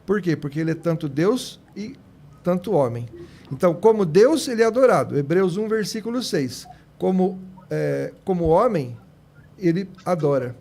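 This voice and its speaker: Brazilian man, high voice, theology teacher, didactic, step-by-step religious argument, checking tags. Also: animated, moderate pace, vocal fry, warm tone. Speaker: theology teacher on a radio panel.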